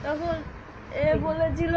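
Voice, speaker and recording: A woman's voice: very high-pitched, little pitch movement, slow pace, highs cut off, background noise. A woman, said to be possessed, who answers in short, fearful, childlike replies. She is outdoors among a crowd.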